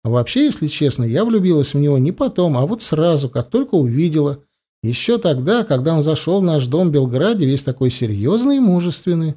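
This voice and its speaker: A man voicing a young mother in a storybook, fond and gently teasing, with a raised, lively voice. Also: on the high side, fairly quick, husky, pitched above the performer's own voice.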